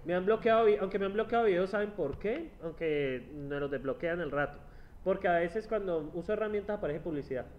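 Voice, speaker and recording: A man's voice: high voice, animated, a little fast, slight background noise. A man lecturing a university class, chatty and teasing, checking in with the students all the time. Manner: chatty, teasing, asks "¿sí?" constantly. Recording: dull lo-fi classroom recording.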